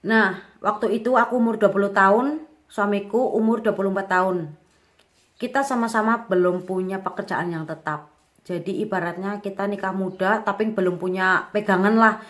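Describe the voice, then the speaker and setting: A woman's voice: mid-range voice, normal speed. A young woman in her twenties telling her own life story in a candid, chatty way with lots of casual fillers. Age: 20s. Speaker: young mother vlogger.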